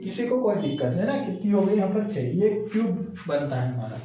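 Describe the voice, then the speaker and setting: A man with a high, mellow voice teaches a class, counting aloud and constantly checking that his students are following. He sounds far from the mic, and the room around him is very echoey. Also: sing-song, a little fast. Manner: repetitive, keeps asking "है ना?" and counting aloud. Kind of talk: classroom lesson with call-and-response.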